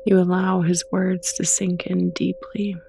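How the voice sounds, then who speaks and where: A soft-spoken, gentle meditation guide reading slow, soothing scripted narration with unhurried pauses and a creaky edge. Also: medium pitch, monotone, slight background noise.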